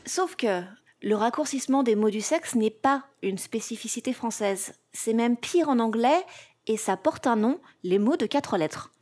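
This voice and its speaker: A woman's voice: fairly high pitch, expressive, a little slow, darkish tone. Playful woman podcast host. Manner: playful, punchy, rhythmic word lists. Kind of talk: scripted comic narration.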